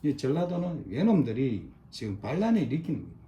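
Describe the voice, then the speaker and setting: A man's voice: mid-range voice, sing-song, fairly quick, dark tone, muffled recording. A middle-aged man explaining a chart in a monologue, pointing item by item and repeating himself emphatically. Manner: repetitive, pointing with short demonstratives, emphatic. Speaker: online commentator.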